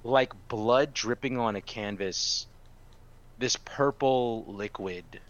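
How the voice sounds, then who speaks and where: A man co-hosting a casual podcast, telling game stories in an animated way and swearing freely. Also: mid-range voice, takes it slowly. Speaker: podcast co-host. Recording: dull lo-fi audio.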